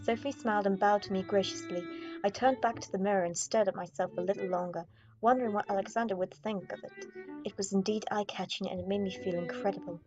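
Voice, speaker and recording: With fairly even intonation and a quick pace, this young female gaming YouTuber reads out visual novel text like a dramatic storyteller. Her mid-range voice comes through dull audio over background game music.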